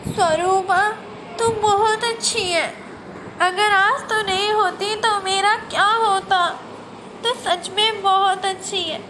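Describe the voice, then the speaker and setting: A woman's voice: very high-pitched, fairly even intonation, slow pace. A woman playing a jealous, boastful young girl in a homemade family skit, with a whiny, teasing delivery. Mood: remorseful. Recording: noisy home recording.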